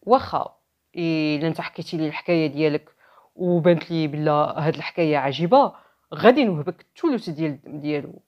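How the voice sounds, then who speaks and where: A woman's voice: deep voice, fast, lo-fi sound, lightly acted. A woman with a Moroccan accent voicing a huge, vengeful male genie in a folktale, commanding and threatening. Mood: stern bargaining.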